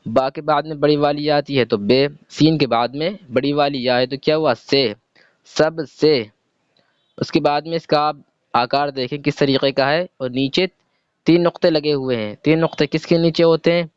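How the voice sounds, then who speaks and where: In this clip, a man with a high-leaning, steady, clean voice and no echo gives a patient reading lesson. He sounds out each letter and sound in turn, asking questions and answering them himself. The audio is dull and lo-fi.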